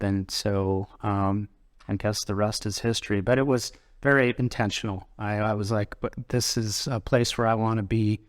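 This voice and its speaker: Soft-spoken middle-aged man, dry close sound. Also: fairly low pitch, no room sound. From Colorado, USA. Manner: thoughtful, halting, frequent restarts. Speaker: university president, guest. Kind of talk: casual interview conversation.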